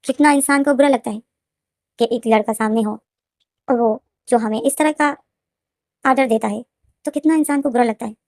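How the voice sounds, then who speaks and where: A woman retelling a fan fiction story in a casual, fast, repetitive way, often restarting her sentences. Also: fairly high pitch, darkish tone, dry recording, studio quality.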